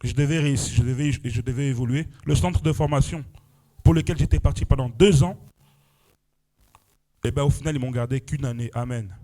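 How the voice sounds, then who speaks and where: At a church prayer vigil, a young man from France preaches a testimony in a mellow, medium-pitched voice that moves a little fast but leaves long pauses. He exclaims often, punctuating with "amen" and "alléluia."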